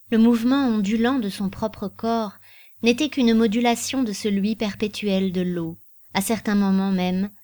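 A woman narrating a literary novel as an audiobook in a measured, expressive reading. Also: medium pitch.

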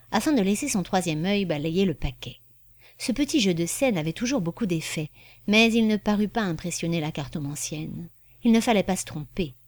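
A woman narrating an audiobook in an expressive, measured storytelling voice. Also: mid-range voice, dry recording.

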